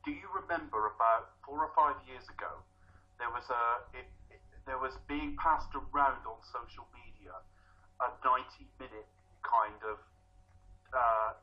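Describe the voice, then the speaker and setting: A man's voice: medium pitch, a little slow. Man on a lo-fi call. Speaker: podcast panelist. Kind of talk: casual panel chat.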